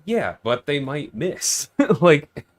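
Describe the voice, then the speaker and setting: A man livestreams a video game, chatting casually and thinking aloud as he reasons with his viewers. His voice is fairly high, with big pitch swings, and he speaks extremely slowly.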